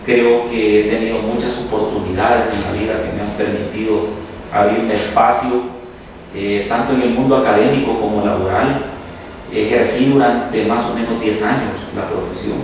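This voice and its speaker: A man's voice: lowish voice, steady tone. Distant professorial Salvadoran man. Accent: Salvadoran Spanish. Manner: measured, professorial, lists points methodically. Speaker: law professor and university official, interview guest. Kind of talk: explanatory interview answers. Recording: echoey room, distant mic, background noise.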